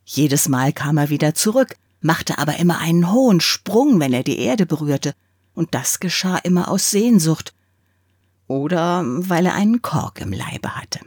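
Female reader for a classic fairy tale, slow and lively in tone, slightly breathy. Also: deep voice, no echo, clean studio sound. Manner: expressive, unhurried storytelling.

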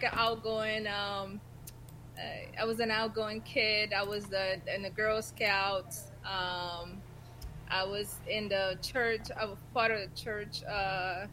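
A woman's voice: mid-range voice, bright, forceful tone, a little hiss or hum, poor audio. A woman from Puerto Rico, a guest on a talk show, answering in a friendly way with many fillers. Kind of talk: casual interview chat.

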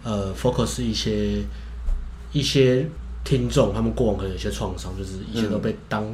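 A man's voice: on the low side, steady tone, moderate pace, a little mellow, low-quality recording. A man with a Taiwanese accent co-hosting casual banter and advice, given to joking asides. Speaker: co-host. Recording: noticeable background noise.

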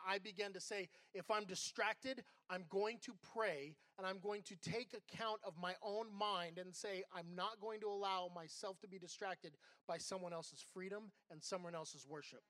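A man's voice: high-pitched, normal speed, hardly any pauses, sharp tone, no room sound. A middle-aged man, an associate pastor, giving a candid, conversational sermon built on personal stories.

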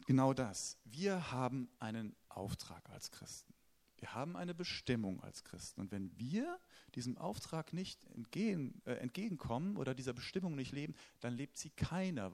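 A man's voice: medium pitch, gravelly, darkish tone. A man preaching a sermon in a conversational way, asking the congregation questions and talking to them directly.

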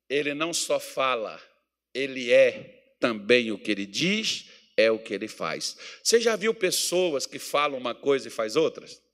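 A man's voice: mid-range voice, a bit bright. A male pastor from Minas Gerais preaching a sermon, mixing folksy joking asides with emphatic, rising preaching. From Minas Gerais, Brazil. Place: church meeting hall.

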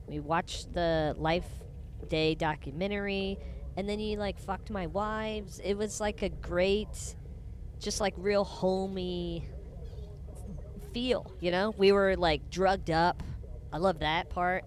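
A woman co-hosting improvised comic role-play, chatting in a crude, rambling way. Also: fairly low pitch. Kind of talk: improvised comedy chat. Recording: clear background noise.

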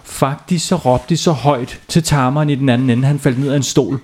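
A man's voice: mid-range voice, steady tone, darkish tone, breathy edge. A man, a father, telling a silly bedtime story to children, playful and often asking them questions.

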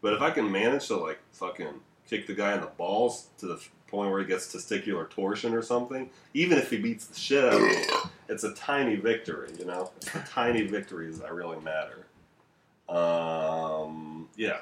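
A man's voice: sits low, normal speed, fairly bright tone, a little hiss or hum. A man co-hosting a casual history podcast, rambling and profane, with laughing asides, recorded at home. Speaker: podcast co-host. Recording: echoey home room.

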